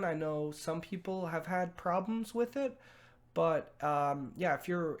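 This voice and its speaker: A young man giving a casual spoken film review, hesitant, with lots of pauses and restarts. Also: on the high side. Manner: hesitant, many fillers and restarts.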